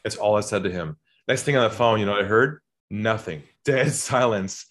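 A man who is a sales trainer on a podcast, telling stories and acting out phone calls, dropping to a calm low voice and jumping to excited high bursts. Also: moderate pace. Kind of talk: podcast conversation, storytelling.

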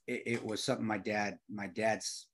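Husky-voiced man in his fifties. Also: on the low side, fairly even intonation, normal speed, a bit bright. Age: 50s. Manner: earnest, with frequent restarts and repeated words. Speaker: guest, former Army Ranger and firearms instructor. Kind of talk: reflective conversational storytelling.

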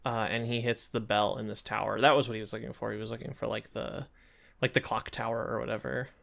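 Laid-back man with a gravelly voice. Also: fairly low pitch, steady tone, fast, fairly bright tone. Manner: laid-back, hesitant, many fillers and restarts. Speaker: podcast co-host. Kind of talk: casual chat recapping a cartoon episode.

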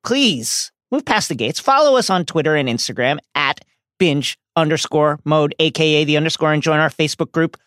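Highly animated man co-hosting a podcast. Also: normal speed, no echo, studio quality. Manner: playful, theatrical. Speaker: podcast co-host. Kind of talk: scripted podcast intro and recap with comic asides.

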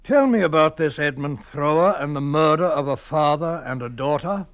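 Actor voices a curt, doubting magistrate, vintage radio play, muffled. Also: male voice, on the high side, normal speed, natural voice. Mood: stern. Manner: stern, questioning. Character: stern skeptical male magistrate.

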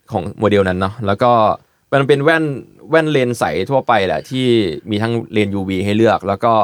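A man hosting a casual podcast chat, explaining product details in a relaxed way with many fillers. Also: lowish voice, no room sound, studio quality. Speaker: podcast host presenting eyewear.

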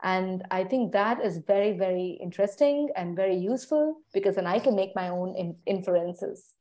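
An Indian woman who writes about food answers interview questions conversationally in a mellow, mid-range voice with lively intonation. She's reflective and measured, stopping now and then to find the right word.

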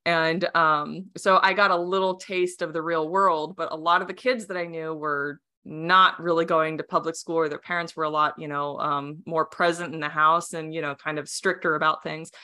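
A young adult woman from the United States, Romanian by first language, chats casually as a podcast guest in an interview. Her voice sits low and level, with a sharp tone, a moderate pace and few pauses. She rambles, with lots of fillers, restarts and frequent laughter.

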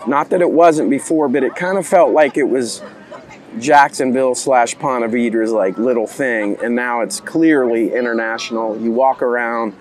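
A middle-aged man with a gravelly voice, chatting casually as a guest sports analyst. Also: medium pitch, moderate pace, a faint crowd.

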